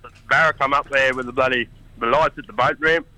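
Male radio caller, laconic North Queensland Australian drawl, very bright sharp tone, matey and casual. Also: mid-range voice, steady tone, brisk, no echo. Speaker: phone-in caller. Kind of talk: casual phone chat. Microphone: telephone. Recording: bright phone call on radio.

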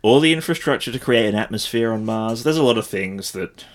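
A man with a low-pitched voice co-hosting a podcast. He chats casually, putting in dry, wry comments. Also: expressive, brisk. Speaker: podcast co-host.

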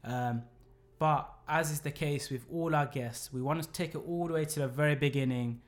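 A man's voice: on the high side, normal speed. A man hosting a casual podcast interview in a friendly, upbeat way. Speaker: podcast host.

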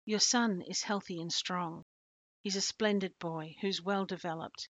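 A woman voicing a tactful, sincere middle-aged man in a gentle, measured way, on a dull, dry recording. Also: lowish voice, steady tone, no echo. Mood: convinced.

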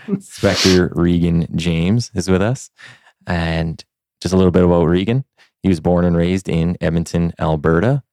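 A man's voice: low-pitched, darkish tone, no echo, studio quality. A man hosting a podcast, introducing his guest and asking friendly, easygoing questions with plenty of fillers. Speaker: podcast host. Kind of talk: conversational podcast interview.

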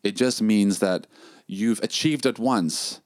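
A man's voice: fairly low pitch, slow pace, no echo, studio quality. A young man, a drum teacher, talking casually in a chat, with many fillers and restarts. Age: young adult.

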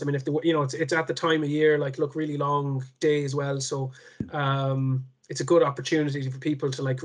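A man with a west of Ireland accent, chatting casually as an interview guest in a halting way, often repeating words. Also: a little high. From Connemara, west of Ireland. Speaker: interview guest, ultra cyclist.

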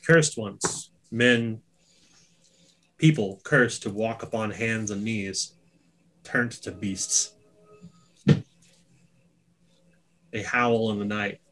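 A man's voice: lowish voice, fairly bright tone. A man voicing a grave, guarded forest elder. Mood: warning. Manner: grave, measured, ominous pronouncements.

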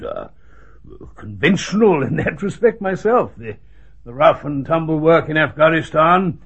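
An actor playing a fussy, exasperated English army doctor in a radio drama, with a husky voice. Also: male voice, a little high, a bit bright, exaggerated voice.

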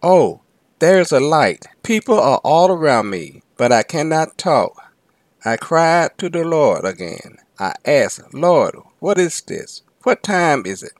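A man's voice: a little high, sing-song, slow pace, no room sound, pitched above the performer's own voice. A man reading as an earnest young mother. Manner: earnest first-person storytelling. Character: struggling young single mother, earnest and praying.

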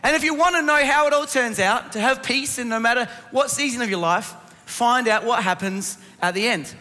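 In a church hall, a man with an extremely high, pushed, bright voice preaches a sermon to his congregation at a moderate pace. He teaches as he goes and asks rhetorical questions, his voice strained by laryngitis. The hall makes the sound reverberant.

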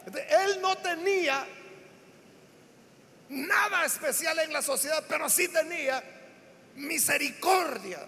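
A man preaches a sermon in a high, bright voice, stacking repeated phrases and pushing into shouts on the words that matter. A gravelly fry roughens his lower notes. The voice rings out with a long reverb off a large church hall. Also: slow, long pauses. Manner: emphatic, rising into shouts on key words; builds lists with repeated phrases.

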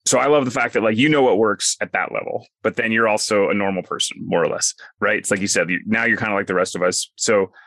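A man's voice: fairly low pitch, steady tone, fast, hardly any pauses, fairly bright tone, dry recording. A man hosting a casual, chatty podcast, recorded sitting inside a small home closet used as a soundproof booth. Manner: informal, chatty. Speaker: podcast host, company co-founder.

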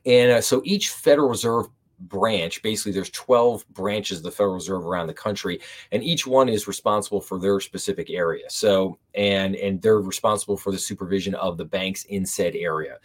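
A man hosting a podcast from a home library, reviewing a book in a casual, rambling way with frequent fillers and restarts. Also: on the low side. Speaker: podcast host.

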